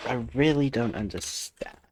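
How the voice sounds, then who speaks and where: A man's voice: mid-range voice, expressive, moderate pace, darkish tone. Exasperated male streamer muttering to himself. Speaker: gaming streamer. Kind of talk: casual live-stream commentary while playing.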